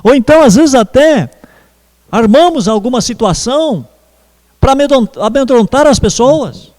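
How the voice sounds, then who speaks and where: High-voiced preacher in an echoing church. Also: male voice, lively intonation, a little mellow. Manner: slow, measured preaching with pauses. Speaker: pastor. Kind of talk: sermon.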